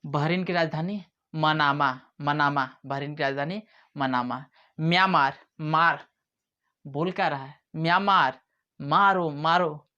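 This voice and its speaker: A man's voice: fairly high pitch, unhurried, long pauses, sharp tone. A man teaching memory tricks in a playful way, acting out little scenes as he explains. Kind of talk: mnemonic lesson to camera. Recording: dull lo-fi sound.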